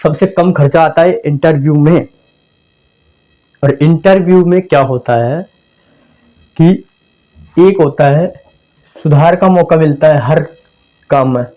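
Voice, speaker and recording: A man with a warm, slightly high voice speaks slowly, leaving long pauses. The teacher works through an exam-prep lesson conversationally, restating points and acting out phrasings to convey meaning. The sound is that of a dull, lo-fi home recording.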